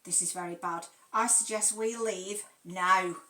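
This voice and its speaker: A woman's voice: lowish voice, steady tone, unhurried, bright, forceful tone, slight background noise. A woman reading her story plays an anxious, sheepish lady baker with a hesitant, worried way of speaking. It is heard in a roomy space from a distance.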